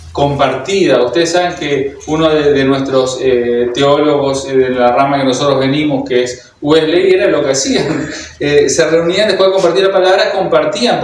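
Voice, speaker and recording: A man with a Uruguayan Spanish accent delivers a sermon in a slightly raised voice, pausing often on fillers and starting his sentences over. He sounds far from the microphone, with heavy echo from a large hall and a faint hum of room noise. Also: a little high. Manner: hesitant, many fillers and restarts, speaks directly to the congregation. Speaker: preacher. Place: church hall. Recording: very echoey hall, heard from a distance.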